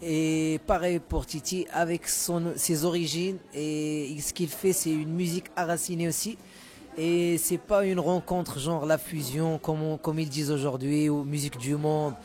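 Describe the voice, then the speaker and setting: A man's voice: fairly high pitch, level tone, unhurried, a little mellow. A Moroccan musician, a man whose first language is Moroccan Arabic, talking casually in an interview and often repeating words while he searches for terms. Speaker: musician guest.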